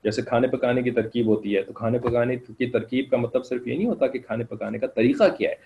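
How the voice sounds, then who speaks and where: A man's voice: mid-range voice, gravelly, a little hiss or hum. A man teaching a class, explaining step by step, often checking whether students follow and putting questions to them. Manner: explains patiently, keeps checking "okay?". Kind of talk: classroom lecture. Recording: dull lo-fi recording.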